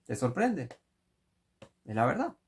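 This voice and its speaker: A man's voice: medium pitch, very animated, takes it slowly, breathy edge. A man preaching a sermon, emphatic and full of rhetorical questions.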